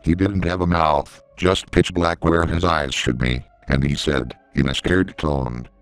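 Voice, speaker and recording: A man narrating a scripted horror story in a deep, smooth and resonant voice. His delivery is steady and measured, and the recording is close and completely dry. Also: no room sound, poor audio.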